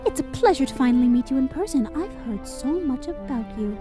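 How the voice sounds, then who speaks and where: A woman's voice: high-pitched, lively intonation, a little fast, over music. A woman playing a very tall, imposing director in an audio drama, speaking with polished, excessive courtesy. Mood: gracious. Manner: polished, gracious.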